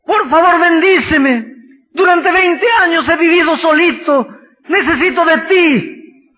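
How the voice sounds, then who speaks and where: A man preaching who plays Jacob, loudly and desperately begging God for a blessing. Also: extremely high pitch, slow pace, pitched above the performer's own voice, heavily acted. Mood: desperate pleading. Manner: loud, pleading, near shouting. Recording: echoey church hall.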